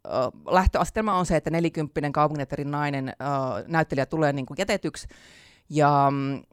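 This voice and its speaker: A speaker of middling pitch chats easily as an interview guest, filling pauses with small hesitations and breaking into laughter often. The voice sits close and dry, with no room around it. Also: fairly even intonation, clear, resonant tone, no echo. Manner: chatty, many fillers, laughs often. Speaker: author and theatre teacher, interview guest. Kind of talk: casual interview chat.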